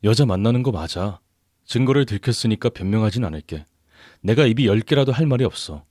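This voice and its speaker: A man voicing a cheating husband who speaks low and sighs in a radio drama. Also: expressive, brisk, a little mellow, no room sound, studio quality. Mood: weary. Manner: low, subdued, sighing.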